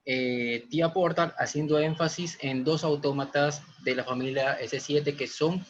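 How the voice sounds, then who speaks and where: A young man with a Guayaquil accent gives a live online lesson from a small room. His voice sits fairly high, and he explains step by step with frequent "eh" fillers. The audio comes through a laptop on a video call and sounds dull and muffled. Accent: Ecuadorian Spanish, Guayaquil. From Ecuador. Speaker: automation instructor. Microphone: webcam or laptop mic on video call.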